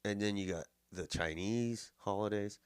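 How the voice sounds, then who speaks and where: A man's voice: lowish voice, normal speed, clear, resonant tone, no echo. A man hosting casual political commentary, mocking and swearing as he reacts to clips and mimics politicians in a sing-song voice. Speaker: host.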